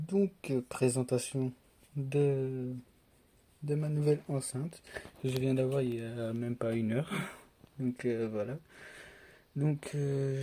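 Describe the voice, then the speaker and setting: A young Frenchman hosts a tech unboxing vlog, chatting casually and rambling with lots of fillers and restarts. His voice is medium in pitch and warm.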